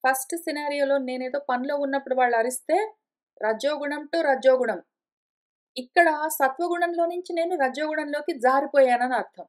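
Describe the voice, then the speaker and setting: A woman's voice: high voice, brisk. A woman teaching a scripture study class, patiently explaining step by step with everyday examples. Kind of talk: explanatory lecture. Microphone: conference call line.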